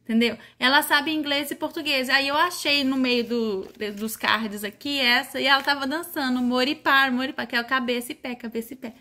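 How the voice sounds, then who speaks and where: A woman's voice: high-pitched, fairly even intonation, brisk, hardly any pauses, sharp tone. A young Brazilian woman chatting casually in a family vlog, talking about her toddler. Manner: chatty, playful baby talk with her toddler. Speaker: vlogger mother.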